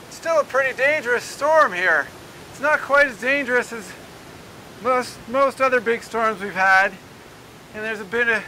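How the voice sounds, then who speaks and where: A man's voice: very high-pitched, bright, forceful tone, low-quality recording. A man giving a loose, ad-libbed live weather report from outdoors on a city street. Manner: loose, rambling, ad-libbed delivery. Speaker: amateur storm reporter. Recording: windy outdoor mic noise. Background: gusting wind.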